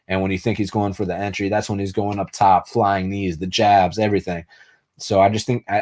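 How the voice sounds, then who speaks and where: A young man who grew up in the United States with Spanish as his first language hosts a casual live stream, answering viewer comments. He speaks in a low, darkish voice, loose and profane, with many fillers and restarts.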